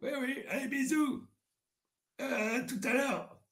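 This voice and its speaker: A man voicing a vulgar, rambling old grandfather in a comedy sketch, often shouting. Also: very high voice, steady tone, takes it slowly, full character voice. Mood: crude rambling. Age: older. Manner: rambling, foul-mouthed, bursts into shouts.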